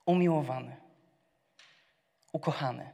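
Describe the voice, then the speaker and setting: A man preaching a sermon, asking his congregation questions and answering them himself, moving between quiet asides and loud cries. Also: a little high, measured pace, gravelly. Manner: swings from soft to loud, shouting the cries. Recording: long reverb of a church hall.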